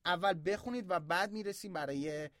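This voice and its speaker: A man teaching English, patiently explaining and then slowly modeling phrases, emphatic about pronunciation. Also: high-pitched, fairly bright tone, no room sound, clean studio sound. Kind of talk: language lesson.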